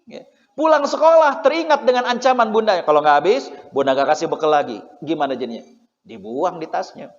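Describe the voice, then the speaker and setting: A man from Indonesia giving a chatty, humorous religious lecture, tagging his lines with "ya" and acting out parents and children. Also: sits high. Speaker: Islamic preacher. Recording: muffled recording with long hall reverb.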